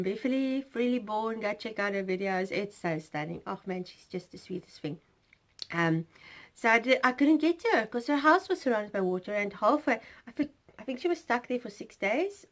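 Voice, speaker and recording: A woman's voice: medium pitch, a bit bright. A woman from South Africa with a South African accent, hosting a knitting podcast in a rambling, chatty way full of fillers and asides. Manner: rambling, chatty, self-interrupting with fillers and laughs. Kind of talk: casual chat.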